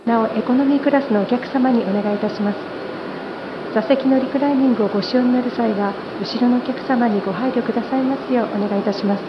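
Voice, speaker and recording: A woman flight attendant making a polite, formal plane cabin announcement over the cabin loudspeaker. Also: on the high side, very fast, dull audio, background noise. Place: airplane cabin.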